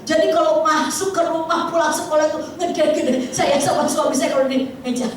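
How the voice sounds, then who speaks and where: High-pitched woman pastor in her 40s, chatty lively sermon, really echoey hall. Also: brisk, slight background noise. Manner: lively and chatty, often addressing the congregation. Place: church hall. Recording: echoey hall, distant mic.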